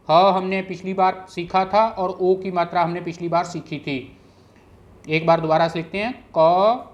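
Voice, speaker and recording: A language teacher giving a patient, step-by-step script lesson, repeating each letter and word slowly and ending with an earnest appeal to viewers. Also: medium pitch, muffled recording. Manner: closes with an earnest channel appeal.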